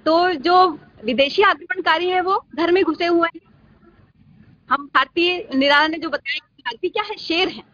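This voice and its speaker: Woman lecturer, high and bright, patient with students, lo-fi class recording. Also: normal speed, no echo. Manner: patient, calls students "beta". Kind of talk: virtual class lecture with questions. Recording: dull lo-fi recording with faint hiss.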